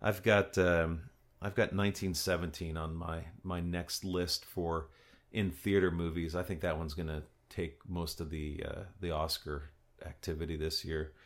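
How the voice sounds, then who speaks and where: A man with a very low voice hosts a casual podcast. He talks conversationally, with some hesitation and a joking streak. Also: level tone, moderate pace. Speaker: podcast host.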